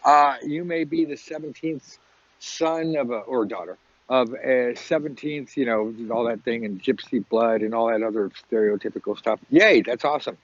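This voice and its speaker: A man's voice: medium pitch, moderate pace, dry recording. A man hosting a podcast outdoors at a beach, chatting casually in a rambling, joking, informal way with wind on the mic. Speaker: podcast host and tarot teacher. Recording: dull lo-fi audio, wind on mic. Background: wind noise.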